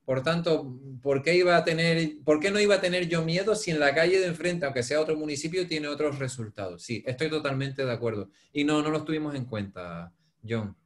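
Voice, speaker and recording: A man's voice: fairly high pitch, brisk. A man answering questions as presenter in an online academic discussion, agreeing emphatically and repeating phrases. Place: online video call.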